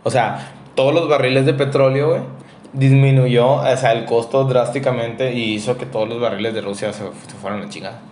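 A man's voice: mid-range voice, fairly even intonation, brisk, a little mellow, echoey room, a little hiss or hum. A man from Nuevo León with a northern Mexican accent, co-hosting a podcast in rambling, slangy casual chat. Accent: northern Mexican (Monterrey). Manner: rambling, slangy, asks questions. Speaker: podcast co-host.

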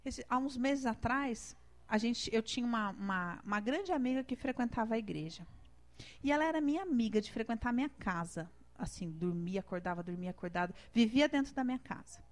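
A woman's voice: a little high, lively intonation, brisk. A woman with a Brazilian Portuguese accent, preaching in a conversational, emotional way and telling her own story. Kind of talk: sermon with personal testimony.

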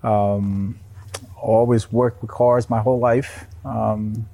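A man from Brazil chatting casually as an interview guest, in a hesitant, halting way. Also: lowish voice, little pitch movement, gravelly, mellow. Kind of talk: casual chat.

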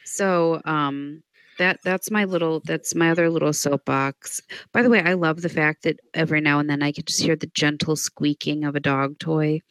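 A woman's voice: low-pitched, steady tone, normal speed, dry recording, low-quality recording. A woman co-hosting a podcast in casual chat, talking emphatically and acting out voices when she quotes people. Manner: emphatic, acts out voices in quotes, ranting "soapbox". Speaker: podcast co-host, nurse.

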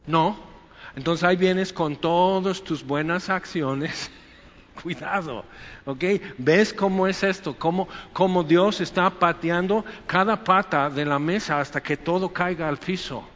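A man preaching a Sunday sermon in a conversational, animated way, often acting out quoted voices. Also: high voice, measured pace. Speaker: pastor. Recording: echoey hall, dull lo-fi sound.

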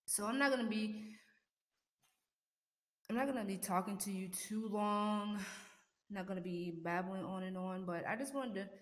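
A woman's voice: medium pitch, moderate pace, long pauses. A woman hosting a casual motivational podcast, chatting encouragingly and directly to her listeners in an echoey, sparsely furnished room at home. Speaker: podcast host.

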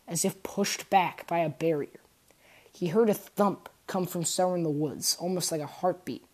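A woman narrating a fan fiction adventure aloud in an expressive storytelling manner. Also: lowish voice. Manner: expressive storytelling, voicing characters.

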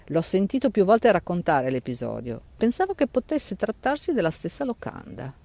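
A man's voice: high voice, huge pitch swings, normal speed, vocal fry, darkish tone, dry recording, pitched above the performer's own voice, heavily acted. A man doing a musing, chatty grown man.

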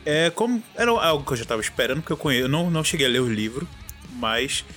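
A man's voice: a little high, lively intonation, fast talker, fairly bright tone, soft background music. A Brazilian man chatting casually as a podcast panelist. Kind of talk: casual chat.

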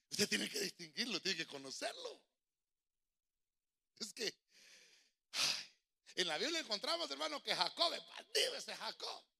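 A man's voice: extremely high pitch, creaky, pushed and bright, husky. A middle-aged male pastor preaching, breaking into sung choruses and calling his listeners brother. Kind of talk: lively sermon with singing. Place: church.

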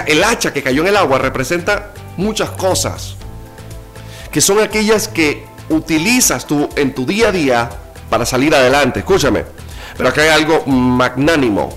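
A man's voice: fairly high pitch, lively intonation, a little slow, a bit bright, soft background music. A male pastor preaching a sermon, emphatic and rising in exclamations, with playful asides.

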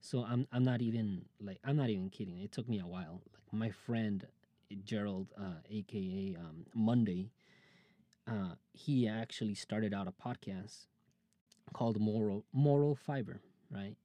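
A man in his late twenties hosts his own podcast, talking casually and openly about his life in a personal monologue. His voice is lowish and dark-toned at a measured pace, the recording dry, and he rambles with lots of fillers and restarts.

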